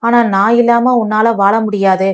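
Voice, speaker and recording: A woman's voice: mid-range voice, level tone, normal speed, muffled recording, lightly acted. A woman doing a sneering angry husband. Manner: mocking, accusing. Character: bitter sarcastic husband, young adult man.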